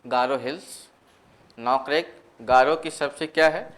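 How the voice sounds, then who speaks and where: A man's voice: mid-range voice, slow, fairly bright tone. A man teaching a geography class. He quizzes students and answers his own questions, dictates notes by repeating terms, and mixes in English phrases. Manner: asks students questions and answers them himself. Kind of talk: coaching class lecture.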